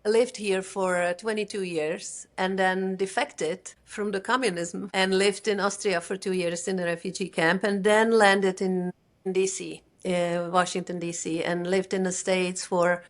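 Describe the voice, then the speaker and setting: A middle-aged executive coach from the Czech Republic, a native Czech speaker with a Czech accent, reflects thoughtfully as an interview guest. She phrases things carefully and sometimes pauses to search for English words, with a medium pitch and steady tone.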